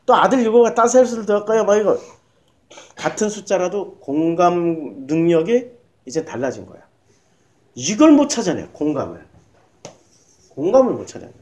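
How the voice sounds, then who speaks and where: A man's voice: high voice, sing-song, normal speed, long pauses, a little mellow. A male pastor giving a sermon in a church, hammering home points with repeated rhetorical questions to the congregation.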